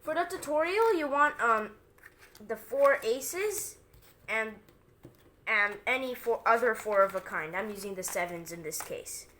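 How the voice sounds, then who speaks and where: Fairly high and sharp in tone, her lively voice moves at a measured pace over slight background noise. She's an amateur card magician presenting a trick as a tutorial, narrating every move informally as she goes.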